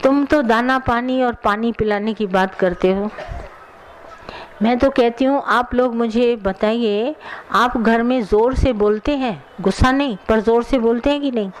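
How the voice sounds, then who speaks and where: A woman leads a satsang as its spiritual teacher, her voice sitting fairly high. She speaks earnestly and admonishes her listeners, then takes their questions and answers them directly. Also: unhurried, a little hiss or hum, rough recording. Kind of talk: satsang sermon with audience questions.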